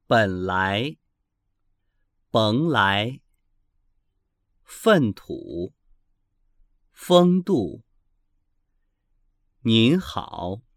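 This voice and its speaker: Man, pronunciation drills, very slow, wide swooping tones, dry close recording. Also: fairly low pitch, no echo. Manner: carefully enunciated, each syllable held apart. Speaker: language teacher reading drills.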